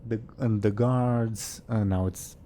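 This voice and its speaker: A man narrating as game master of a tabletop game, in a relaxed, hesitant way with fillers. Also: lowish voice, slow, slight background noise.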